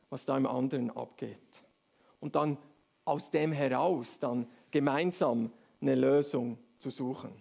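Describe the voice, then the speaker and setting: A man's voice: a little high, vocal fry, dark tone. A man preaching a sermon, explaining step by step and often checking in with "oder?".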